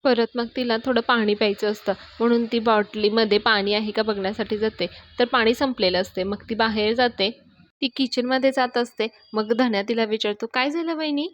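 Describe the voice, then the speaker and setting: A woman's voice: a little high, fairly even intonation, moderate pace, no room sound. A woman casually retelling a TV serial episode as a reviewer, chatty and adding her own asides. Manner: chatty, adds asides to listeners. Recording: dry, slightly dull close mic.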